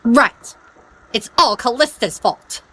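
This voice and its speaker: A woman's voice: expressive, fairly bright tone, husky, long reverb tail, heavily acted, poor audio. An actress playing a domineering older mother who fakes an illness to control her son, with a scolding, imperious manner. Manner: imperious, scolding, slow and high. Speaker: mother-in-law in a short drama. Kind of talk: dubbed drama acting.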